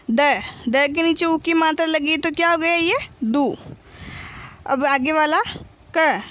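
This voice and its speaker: A woman's voice: high voice, fairly bright tone. A woman teaching a children's Hindi reading lesson, patiently spelling out each syllable and blending them into words.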